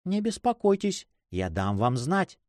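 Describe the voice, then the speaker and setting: A man doing a soft, shy young woman in love. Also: fairly high pitch, big pitch swings, a little slow, no echo, studio quality, voice pushed up. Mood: tender. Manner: soft, hushed, tender.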